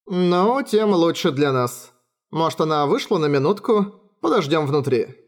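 A man voicing a bold, brisk young woman adventurer in an audiobook, with an eager, raised light voice. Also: a little high, expressive, voice pushed up. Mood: breezy.

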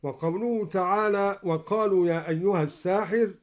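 A high-sitting male voice explains Quranic reading variants formally and at a measured pace, recorded in a radio studio. Each verse he quotes is chanted in slow recitation as part of his teaching.

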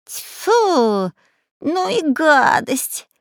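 A storybook narrator voicing a bumbling, greedy male spy who whines and squeals in a high, drawn-out voice. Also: sing-song, no echo, clean studio sound, heavily acted. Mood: whiny. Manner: whining, squealing.

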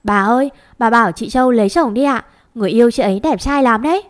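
A woman reading as a cheeky teenage younger sister who teases and tattles. Her voice is high and playful. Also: fast talker, lightly acted. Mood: teasing. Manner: cheeky, teasing.

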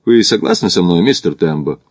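A brash, chatty Australian mountaineer, as a male audiobook reader puts him on, brisk and mocking, his speech pitched up and lively. The voice sits dry and close, with no room around it. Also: no room sound.

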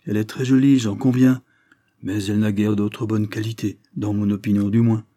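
A man's voice: lowish voice, flat delivery, normal speed, mellow, lightly acted. A man as a blunt, scolding old lord. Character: older aristocratic uncle, blunt and scolding.

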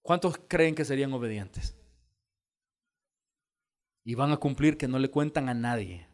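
A man preaching a sermon as pastor, telling stories and acting out the dialogue with lively energy. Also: medium pitch, measured pace. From El Salvador. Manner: animated storytelling, acting out dialogue. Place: church hall.

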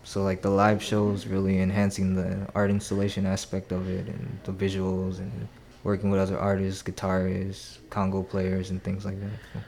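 Soft-spoken man with a gravelly, flat voice. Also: deep voice, normal speed, slight background noise. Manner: soft-spoken, brief answers. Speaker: musician guest. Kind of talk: casual interview.

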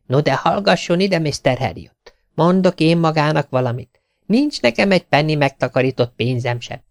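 A gossipy village tailor in his forties, as a male narrator puts him on, lifts his voice well above the reader's own and keeps up an endless theatrical stream of complaints. A gravelly edge runs through the raised tone. The sound is close and dry, with no room around it. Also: a little high, lively intonation, no echo, voice pushed up. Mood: complaining, chatty. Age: 40s. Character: chatty, self-pitying middle-aged male village tailor.

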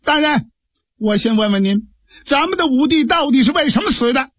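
A man's voice: very high voice, animated, normal speed, fairly bright tone, dry recording, clean studio sound, voice pushed up, full character voice. A male storyteller voicing a shrewd, urgent male officer pleading with his lord. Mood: earnest pleading. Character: shrewd, fast-talking male sworn brother officer. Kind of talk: Chinese storytelling performance.

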